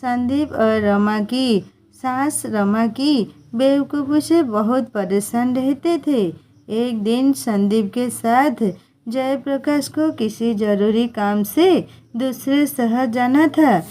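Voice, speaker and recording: Slow, mellow woman narrating a story. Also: on the high side, rough recording.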